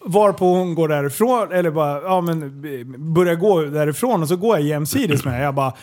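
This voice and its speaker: A man in casual podcast chat, telling a story with lots of swearing and laughter. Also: fairly high pitch. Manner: animated, swears freely, laughs often.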